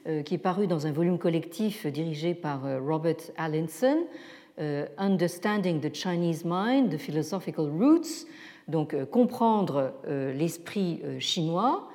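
A woman giving an academic lecture, halting often with fillers and restarts as she searches for words. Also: low-pitched, expressive, dark tone. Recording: long hall reverb.

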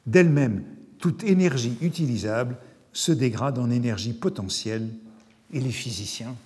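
A man's voice: medium pitch, a little mellow. Man lecturing in a reverberant hall. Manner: measured, reflective, with hesitations and asides. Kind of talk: academic lecture reading from wartime texts.

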